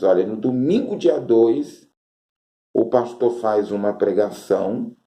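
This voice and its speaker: A Brazilian man preaching in a very dark, mellow voice, unhurried and emphatic. He lays out his points slowly, piling up repeated phrases one after another. The recording carries a roomy echo. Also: medium pitch. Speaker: apostle and preacher. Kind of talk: preaching commentary on current events.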